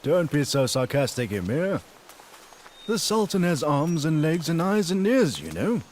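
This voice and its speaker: A man's voice: a little high, big pitch swings, unhurried, a little mellow, slight background noise. An actor dubbing a sly, sarcastic male court spy in a historical drama. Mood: mocking. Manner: mocking, sarcastic. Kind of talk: English dub of a historical drama.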